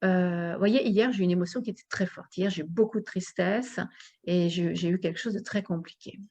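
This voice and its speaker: A woman's voice: lowish voice, a little fast, a little mellow, dull audio. A woman coach leading a group session, talking expressively and acting out her inner voice. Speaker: personal development coach.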